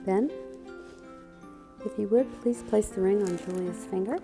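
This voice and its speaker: A woman's voice: mid-range voice, a little slow. A woman wedding officiant giving a scripted ceremony address. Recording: echoey hall, music behind.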